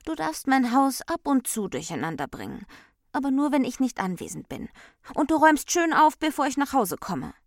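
A woman's voice: high-pitched, big pitch swings, normal speed, gravelly, no room sound, clean studio sound, voice pushed up, full character voice. A woman voicing a fussy, tidy female personification of Order in a storybook, speaking shrilly and indignantly. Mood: bossy.

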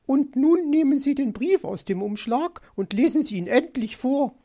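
A storybook narrator voicing Mrs. Magpie, a vain, excitable female magpie who nags and screeches. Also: moderate pace, vocal fry. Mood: excited. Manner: shrill, nagging.

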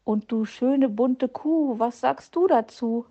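Lady doing a tiny high chirpy bird kid in a storybook, slow singsong rhymes, dull old recording. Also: dark tone. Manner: chants fairy-tale rhymes. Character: little chirpy bird boy, fairy-tale mad.

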